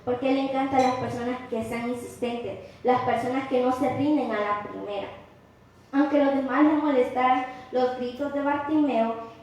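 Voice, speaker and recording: A woman preaching a sermon in church, earnest and impassioned, with loud rising cries at times. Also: fairly high pitch. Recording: very echoey church hall, faint noise.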